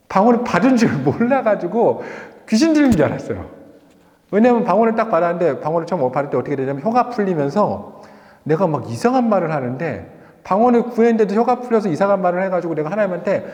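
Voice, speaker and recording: Male pastor, slightly high voice, animated sermon storyteller, long church reverb. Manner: animated storytelling with rhetorical questions. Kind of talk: sermon with personal testimony and closing prayer. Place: church sanctuary.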